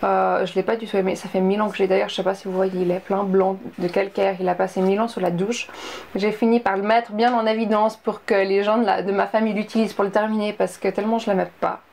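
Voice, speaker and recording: A young woman from Switzerland talks through her finished beauty products in a relaxed, rambling vlog style. Her mid-pitched voice carries a little fry, and the recording has a faint hiss of background noise. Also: fast talker. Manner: chatty, many fillers and asides. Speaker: beauty vlogger. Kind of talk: casual product review vlog.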